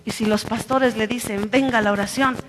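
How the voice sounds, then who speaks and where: A woman pastor preaching a fervent sermon, moving between hushed, intimate passages and loud shouted exhortations. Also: on the high side, steady tone, fairly quick, low-quality recording.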